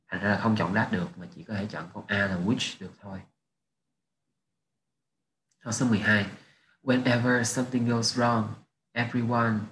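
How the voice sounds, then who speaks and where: A man with a fairly low voice explains test answers step by step, reading English phrases. The recording sits in an echoey room with a faint hiss. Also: fairly bright tone. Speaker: English teacher. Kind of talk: exam answer walkthrough.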